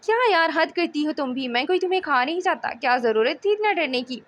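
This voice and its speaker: A woman's voice: high-pitched, lively intonation, quick pace, fairly bright tone. A woman reading the lines of an affectionate, teasing young husband in an audiobook novel, coaxing and tender.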